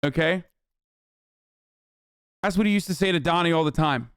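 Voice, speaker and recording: A male streamer in his thirties rants sarcastically and heatedly, swearing freely. His voice sits high for a man and sounds smooth and resonant. The sound is dry and close. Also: moderate pace, fairly bright tone, no echo. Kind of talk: livestream reaction rant.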